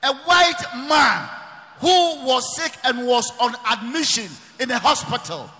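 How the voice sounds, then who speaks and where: A man preaching, emphatic and often shouting, repeating his phrases. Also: very high voice, lively intonation, unhurried. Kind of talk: preaching sermon. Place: large church hall. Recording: long reverb of a large church hall.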